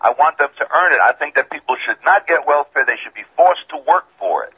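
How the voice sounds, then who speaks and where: A man from Georgia calling in to a radio show, insistent and calmly argumentative, his voice tinny and metallic over a bad phone line. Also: on the high side, quick pace, breathy edge. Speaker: caller. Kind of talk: call-in radio caller.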